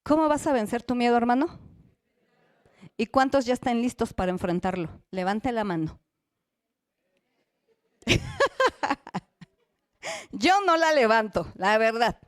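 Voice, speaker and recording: A woman's voice: a little high, animated, moderate pace, no room sound, clean studio sound. A woman preaching a sermon in church, asking the congregation questions and acting out the dialogue of the story.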